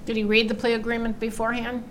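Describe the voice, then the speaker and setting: A woman speaking as a judge from the bench, brisk, direct and formal. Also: fairly high pitch, monotone. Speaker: presiding judge. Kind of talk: courtroom questioning. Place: courtroom. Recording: clearly noisy courtroom recording.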